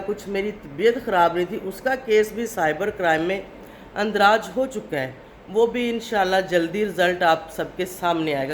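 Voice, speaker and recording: Speaking in a lowish voice over a little hiss or hum, this Pakistani woman delivers a to-camera vlog monologue. She's a family vlogger who lectures indignantly, frequently ending points with "okay?".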